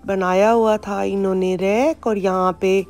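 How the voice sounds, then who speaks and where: A woman vlogger from Pakistan films a grocery run on her phone in an indoor supermarket, chatting casually about products and prices. Her mid-range voice is steady and darkish, at a measured pace, with soft background music.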